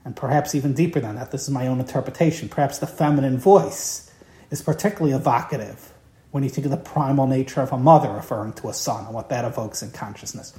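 A woman's voice: rumbling low, fast talker, mellow. A woman giving an evening Torah lecture in an emphatic, impassioned way, often repeating key words. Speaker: Torah teacher. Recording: roomy, echoey room.

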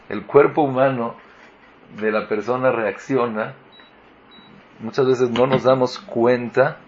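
A man's voice: mid-range voice, lo-fi sound. A man giving a Torah lesson as a rabbi, posing rhetorical questions and rising with emphasis. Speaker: rabbi teaching.

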